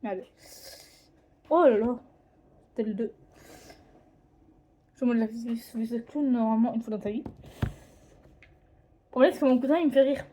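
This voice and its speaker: Rambling teenage girl vlogger, mellow voice. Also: fairly high pitch, normal speed, long pauses, a little hiss or hum. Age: teens. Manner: rambling, hesitant, self-correcting. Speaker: drawing vlogger. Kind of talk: casual chat. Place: home, indoors.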